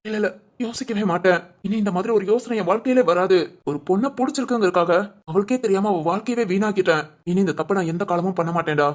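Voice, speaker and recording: A man voicing young men, a caring brother and his friend, who give gentle, reassuring short replies in a spoken story. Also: high-pitched, fast, close to an everyday voice. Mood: remorseful.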